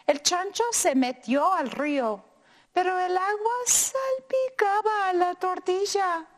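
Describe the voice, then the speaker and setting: High-voiced teacher reading a story slowly. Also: female voice. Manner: slow, expressive, asks children questions. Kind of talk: storybook read-aloud for children.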